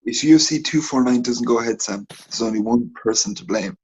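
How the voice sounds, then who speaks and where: A man co-hosting a casual sports podcast, telling animated, rambling stories in a husky voice. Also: medium pitch, fast, muffled recording, a little hiss or hum. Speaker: podcast co-host.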